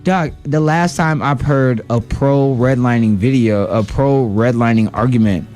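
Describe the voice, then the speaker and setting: A man co-hosting a political radio talk show, animated and exclamatory, with frequent interjections. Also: mid-range voice, a little slow, soft background music. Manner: animated, exclaims often, says dog.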